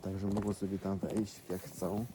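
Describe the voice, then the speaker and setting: Man, lowish voice, cooing to animals outdoors, clear animal and field noise behind. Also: level tone, measured pace. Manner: affectionate, chatty, talks baby-talk to donkeys. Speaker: animal sanctuary caretaker. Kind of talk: casual vlog talk to animals and viewers. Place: outdoors in a donkey paddock. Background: animal sounds outdoors.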